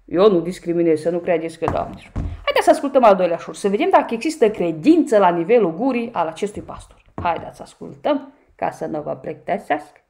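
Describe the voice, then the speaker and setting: A woman's voice: fairly low pitch, very animated, gravelly, dark tone, a little hiss or hum. A woman from Romania commenting on clips in a sarcastic, mocking way, speaking to her viewers as a vlogger. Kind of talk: reaction commentary.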